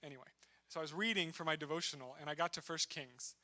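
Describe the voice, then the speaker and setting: Missionary man, bright and slightly high voice, chatty and self-deprecating, church talk. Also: fast talker. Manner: conversational, self-deprecating, with fillers. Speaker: missionary speaker. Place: church sanctuary.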